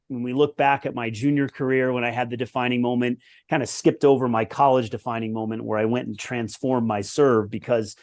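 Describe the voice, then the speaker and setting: An American man in his forties, once a professional tennis player, speaks as a podcast guest in a mid-pitched, slightly mellow voice. He tells stories in a conversational interview, earnest and reflective, often listing things and restarting his sentences.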